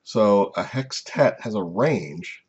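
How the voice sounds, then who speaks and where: A man with a deep voice talks through lecture slides at an easy, explanatory pace, stopping often on "uh" and "um". His tone is a little husky. The recording sounds dull and muffled. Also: animated, a little mellow. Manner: unhurried, explanatory, frequent "uh" and "um" fillers. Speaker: instructor.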